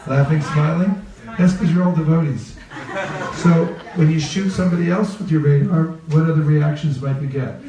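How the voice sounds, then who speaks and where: A Californian religious teacher leads an interactive training seminar, playfully quizzing the group and repeating key phrases in a slightly high, steady voice at normal speed. He's picked up from a distance in an echoey, reverberant room, with the live crowd audible behind him.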